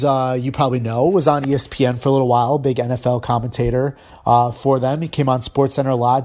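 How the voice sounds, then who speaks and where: A fairly high-voiced man runs a laid-back sports podcast, sarcastic and energetic. His pitch leaps up when he is mocking a team or driving a point home. It sounds like an everyday host chatting into his own mic. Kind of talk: casual sports podcast commentary.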